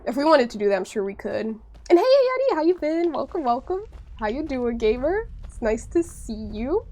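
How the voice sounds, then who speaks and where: A woman streams a game and chats casually straight to her viewers, saying "like" a lot and sounding stuffed up from a cold. Her voice is high, sing-song and a little mellow, at a normal speed.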